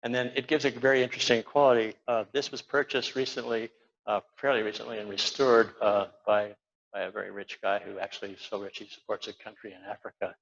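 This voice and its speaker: A man's voice: fairly low pitch, level tone, fast, vocal fry, a bit bright. An older man giving an informal slide lecture as an architect, rambling with many fillers and restarts. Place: lecture hall at an awards event. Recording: dull lo-fi lecture recording.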